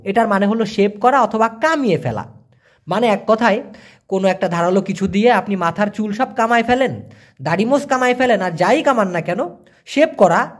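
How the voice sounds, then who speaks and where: Lively man teaching words slowly. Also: high-pitched. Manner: lively, repeats and spells out words for learners. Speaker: language teacher. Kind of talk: casual spoken language lesson.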